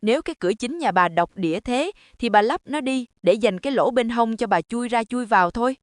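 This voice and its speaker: A woman's voice: fairly high pitch, lively intonation, fairly quick, no echo, lightly acted. Woman acting a middle-aged mother, icy, cutting, firm, dry close sound.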